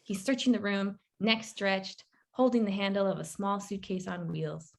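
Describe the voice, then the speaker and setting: Une autrice lit sa nouvelle à voix haute, d'un ton posé et ironique. Sa voix de femme, de hauteur moyenne, suit calmement le récit à la première personne. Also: female voice, mid-range voice, normal speed, vocal fry. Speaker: author reading her fiction. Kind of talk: literary reading aloud.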